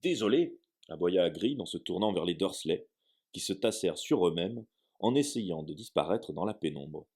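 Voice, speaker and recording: A man narrating a storybook aloud in a steady, measured reading. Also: deep voice, husky. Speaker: audiobook reader.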